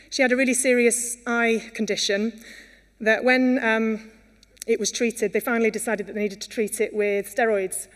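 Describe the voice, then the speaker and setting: With a clean tone and a fairly high pitch, a woman from Wales presents a sincere conference talk. She restarts often and leans on fillers, while the conference hall lends a long reverb.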